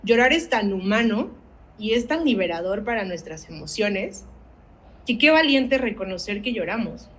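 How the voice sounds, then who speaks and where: A woman's voice: mid-range voice, animated, normal speed, fairly bright tone, rough recording. Earnest woman teaching parents. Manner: earnest, asks the audience rhetorical questions, tags with "¿no?". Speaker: academic coordinator leading a parenting workshop. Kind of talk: parenting workshop talk.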